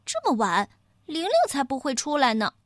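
Woman doing a high boastful piglet hero. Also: big pitch swings, moderate pace, a bit bright, no room sound, studio quality. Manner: boastful, childlike. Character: brave, boastful young boy piglet hero.

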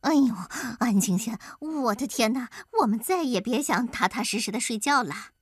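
A woman's voice: on the high side, lively intonation, moderate pace, slightly rough, dry recording, clean studio sound. Woman doing a grumpy complaining hedgehog. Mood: exasperated. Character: grumpy hedgehog jolted awake.

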